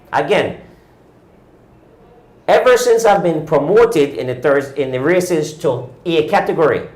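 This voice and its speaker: On this cycling talk show, the host, a man in his fifties, delivers an opinionated, indignant rant built on one rhetorical question after another. He speaks at a fairly high pitch, and the recording has a roomy quality.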